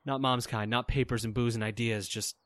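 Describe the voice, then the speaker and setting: An actor playing a haunted, hard-boiled detective with terse, clipped noir phrasing in an audio drama. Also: male voice, mid-range voice, steady tone, brisk, a little hiss or hum, lightly acted. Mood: brooding. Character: Juno Steel, haunted hard-boiled detective reliving childhood memories.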